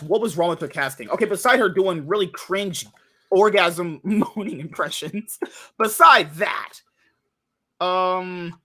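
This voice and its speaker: A man's voice: sits high, sharp tone. A man co-hosting a podcast in casual chat, talking bluntly and crudely. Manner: blunt, crude, laughs easily.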